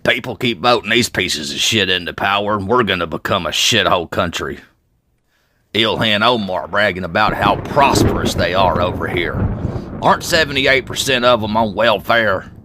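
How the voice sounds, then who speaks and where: A man's voice: fairly low pitch, normal speed, bright, forceful tone, slight background noise. A man giving blunt, sarcastic, profane political commentary.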